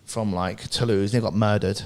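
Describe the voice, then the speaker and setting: A man, co-hosting a casual podcast chat and telling a story in quick, animated bursts. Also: fairly low pitch, creaky. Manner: fast, animated storytelling with swearing and laughter. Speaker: podcast co-host.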